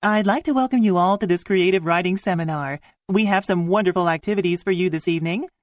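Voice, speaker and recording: A woman's voice: on the low side, quick pace, no echo, clean studio sound. A woman reading a scripted welcome speech as an event presenter, formal and courteous.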